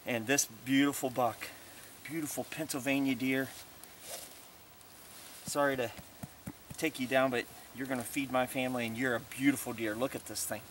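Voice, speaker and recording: A man narrates his own hunt as an outdoor vlog host. His medium-pitched voice is excited and awed, at times hushed, and he tends to repeat himself. The camera audio carries clear outdoor noise behind him. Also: moderate pace, pauses often. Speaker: hunter hosting a hunting video. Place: outdoors in the deer woods. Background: outdoor ambience.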